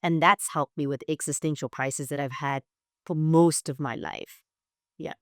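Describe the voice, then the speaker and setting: This Shona-speaking young woman from South Africa talks thoughtfully as an interview guest, frequently tagging her points with "right?". Her voice sits low with fairly even intonation and normal speed, in a dry, studio-quality recording.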